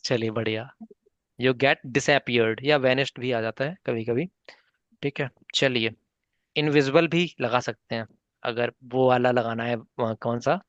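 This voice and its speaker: A man's voice: mid-range voice, measured pace, a bit bright, dry recording. A man teaches a spoken English class over an online call, patient and encouraging. He calls on learners by name and moves between Hindi and English. The audio is dull and lo-fi with a dry, close sound.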